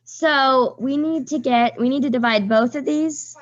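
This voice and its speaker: A woman teacher leading a math class, talking students through each step and calling on them by name, her voice a little hoarse. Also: sits high, measured pace, lo-fi sound. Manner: walks students through steps, calls on pupils by name. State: voice getting hoarse.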